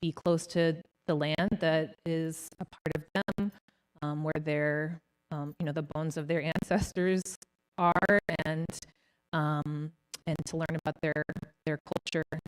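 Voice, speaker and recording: Low-voiced woman speaking on a conference panel. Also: steady tone, clean tone, rough recording. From California. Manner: reflective, halting, many fillers. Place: large conference hall stage.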